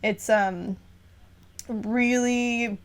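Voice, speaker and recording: A woman's voice: fairly high pitch, fairly even intonation, drawn-out words, clean tone. A young adult woman co-hosting a casual podcast, rambling and filling her talk with "like.". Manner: rambling, heavy use of "like" fillers. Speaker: podcast co-host.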